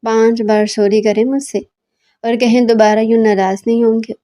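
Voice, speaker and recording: A woman's voice: a little high, little pitch movement, dark tone, close to an everyday voice. A woman reading the lines of a young wife who pouts, scolds and pleads, in her own voice. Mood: pleading. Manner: pouting, pleading. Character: sulky, pouting young wife.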